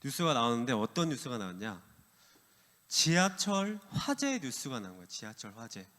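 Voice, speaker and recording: A man preaching to a youth group in a church, telling a story and asking the audience questions in an animated way. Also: mid-range voice, moderate pace, in a large hall. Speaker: youth pastor. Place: church worship hall.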